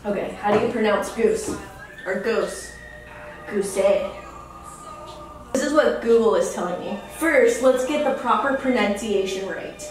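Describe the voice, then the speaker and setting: A woman in her thirties hosting a casual beer vlog at home, swearing freely and rambling. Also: mid-range voice. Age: 30s. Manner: profane and rambling, loud whoops. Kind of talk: casual chat. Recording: echoey room from far off.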